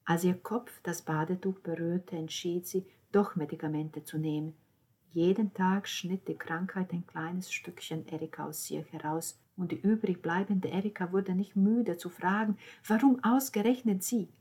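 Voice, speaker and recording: A woman reading a novel aloud as narrator, lifting her voice for the dialogue and dropping to a hushed tone in the narration. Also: lowish voice, steady tone, moderate pace, husky. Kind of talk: audiobook narration.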